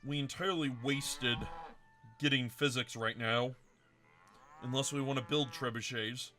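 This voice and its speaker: A man's voice: mid-range voice, fairly even intonation, unhurried, sharp tone. A man hosting a let's-play video, casually thinking aloud and correcting himself as he plans his moves. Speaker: game commentator.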